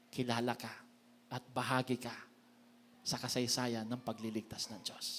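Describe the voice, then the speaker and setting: A Filipino man with a Filipino accent preaching a sermon as a pastor, lively and joking, calling on the congregation to respond. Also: mid-range voice. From Philippines.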